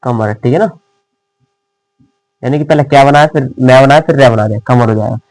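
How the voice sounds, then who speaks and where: A brisk, slightly mellow male voice of medium pitch comes through with no room sound, though the audio is poor. He teaches a shorthand lesson in classroom style, asking questions over and over and answering them himself while calling his students dear children with affection.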